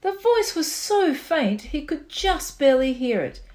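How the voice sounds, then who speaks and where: A woman reading a children's picture book aloud in an expressive storytime style. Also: high-pitched, a little slow. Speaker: storytime reader.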